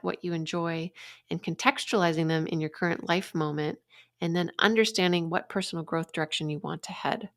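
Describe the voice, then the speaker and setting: A woman in her young adult years talks through her ideas alone on a podcast, earnest and reflective in the way a coach explains things. Her voice sits on the low side. The sound is dry and close, with no room echo. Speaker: podcast host and life coach. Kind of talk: solo podcast monologue.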